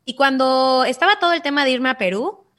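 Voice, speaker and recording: A woman with a Mexican accent telling a personal story in an interview, animated and acting out voices. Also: high-pitched, fairly quick. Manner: animated, acts out quoted voices. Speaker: guest.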